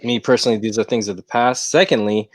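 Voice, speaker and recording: A young American livestream host, talking casually from a rented room at home, rambles in a slangy, easygoing way. He speaks fast in a lowish voice with fairly even intonation, and there's no room sound.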